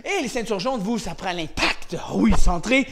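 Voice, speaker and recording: High-voiced energetic Quebec karate coach. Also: male voice, normal speed, heavy background noise. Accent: Quebec French. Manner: energetic, shouts counts and commands. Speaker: karate instructor. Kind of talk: online kids' karate class.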